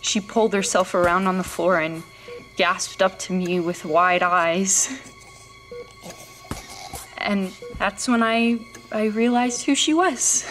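Over music in a low-quality recording, a woman with a medium-pitched, fairly bright voice performs in a horror audio drama combining narration and acted scenes. Her character is a frightened woman searching for her dog, and she recounts a disturbing experience in a halting, hesitant, haunted manner.

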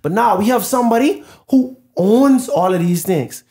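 A man's voice: high-pitched, normal speed. Casual man saying bro in an echoey room. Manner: casual and animated, says "bro" constantly. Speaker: podcast co-host. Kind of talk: casual Bible discussion podcast.

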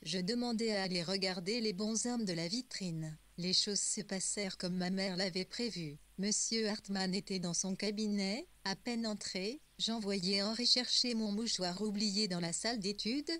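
A woman reading a first-person novel as an audiobook, in a measured storytelling voice. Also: medium pitch, a bit bright. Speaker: audiobook narrator. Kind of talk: first-person literary narration.

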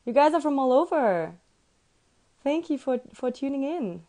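A woman's voice: high-pitched, big pitch swings, normal speed, warm tone, poor audio. A woman hosting a live-stream interview, chatty and giggly, with many fillers. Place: indoors, on a live video stream.

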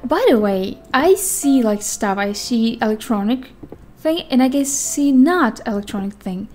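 Excitable high-voiced woman playing a game. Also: measured pace. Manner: excitable, exclaiming, playful. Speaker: gamer playing and commenting. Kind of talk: let's play commentary, reading game dialogue aloud. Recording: game music behind the voice. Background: game music.

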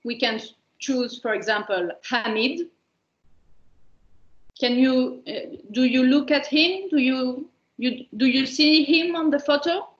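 Workshop presenter, female, high voice, slow and halting, echoey muffled call audio. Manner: slow, hesitant, many fillers. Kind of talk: online teacher workshop. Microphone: video call.

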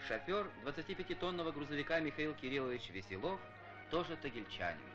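A man's voice: fairly high pitch, animated, fast talker. A man giving formal, declamatory narration for an old Soviet-era newsreel, heard from its film soundtrack. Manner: formal, declamatory announcer delivery. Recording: dull lo-fi old film soundtrack under loud music.

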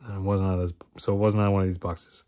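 A man's voice: low-pitched, flat delivery, racing, mellow. Rambling man opening trading cards. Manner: rambling, self-correcting, talks to himself while listing names. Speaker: card-opening channel host. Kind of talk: casual card-opening commentary.

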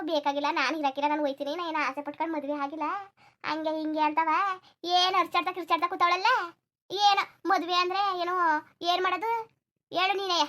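A woman doing a shrill, nagging cartoon mother-in-law. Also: pushed and bright. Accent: rural Karnataka Kannada. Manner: complaining, nagging. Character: nagging older village mother-in-law, grumbling. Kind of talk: cartoon voice acting.

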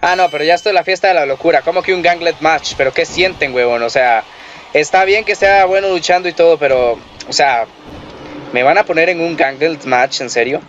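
Comentarista joven, exaltado y malhablado, voz un poco alta. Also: male voice, a little high, a little fast, slight background noise. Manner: excitable, profane, yelling at the game. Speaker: gameplay commentator. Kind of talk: casual gameplay commentary. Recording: lo-fi muffled recording.

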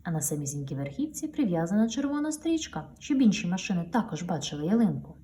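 A woman's voice: fairly low pitch, very animated, quick pace, mellow, a little hiss or hum. A woman reading a children's picture book aloud to her daughter, with playful storytelling and sound effects, heard a little distant from the mic.

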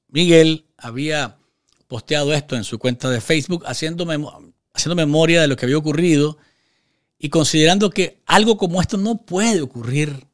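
A man in his thirties with a Nicaraguan accent delivers opinionated news commentary, his voice sitting slightly high for a man. He talks emphatically, with hand gestures and frequent filler pauses. He is recorded on a desk microphone in a small TV studio. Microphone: studio microphone on a desk stand.

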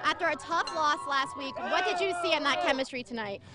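A young woman sideline reporter interviewing a team after a game, energetic, with a raised voice. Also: high voice, fairly quick. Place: outdoor football field at night. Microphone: handheld microphone. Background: faint crowd and music.

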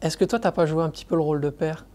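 A man's voice: on the high side, steady tone, very fast, warm tone. A man interviewing a footballer, asking long, meandering questions full of fillers.

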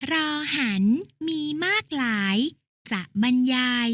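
A woman giving a clear, friendly scripted narration for a children's lesson. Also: sits high, animated, slow, a bit bright.

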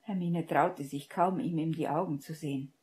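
A woman narrates a fan-fiction audiobook in a steady, measured reading. Her voice sits very low for a woman and has a dark, mellow tone. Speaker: audiobook reader.

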